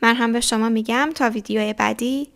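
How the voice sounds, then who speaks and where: A woman teaching a language lesson, saying each phrase clearly, repeating it slowly, then explaining it quickly. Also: fairly high pitch, steady tone, a bit bright. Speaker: French teacher.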